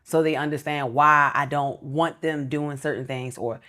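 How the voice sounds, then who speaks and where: A woman's voice: sits low, steady tone, normal speed, sharp tone. A woman in her thirties talking as an interview guest, earnest and reflective, explaining things step by step in casual chat. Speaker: entrepreneur guest.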